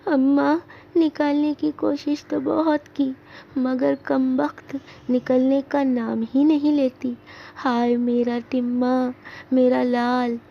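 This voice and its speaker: A woman teacher voicing a panicked young widowed mother who cries out for her son in high, tearful calls. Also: fairly even intonation, slow pace, dull audio. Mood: frantic, tearful.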